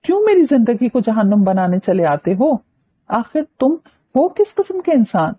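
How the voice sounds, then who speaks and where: A woman's voice: on the high side, sing-song, normal speed, slightly rough, dull audio. Woman voicing a touchy young woman. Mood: irritated. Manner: irritated, sharp-tongued.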